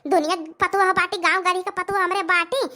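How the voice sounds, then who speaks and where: A cartoon old mother-in-law from an Awadhi village, as a performer puts her on, bitter and bossy, ranting without pause. The voice sits very high and cuts through bright and sharp. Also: little pitch movement. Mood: scolding. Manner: scolding, complaining rant. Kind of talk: cartoon comedy voice acting.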